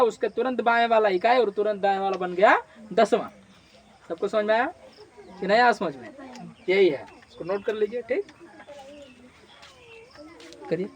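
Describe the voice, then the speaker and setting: A male teacher giving a classroom maths lesson, repeatedly quizzing his class and answering his own questions. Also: sits high.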